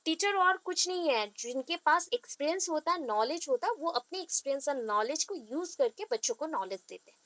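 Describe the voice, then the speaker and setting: Woman teacher, high voice, dry close recording, lecturing, asks the class questions, switches between Hindi and English. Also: a bit bright, dry recording. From India. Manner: mixes Hindi and English, quizzes listeners with questions.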